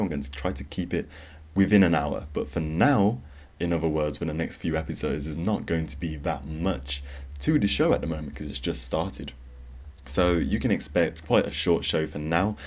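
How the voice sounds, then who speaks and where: Very deep-voiced man hosting a podcast. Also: a little mellow. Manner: rambling, conversational, with many fillers and restarts. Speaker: podcast host. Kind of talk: solo podcast monologue.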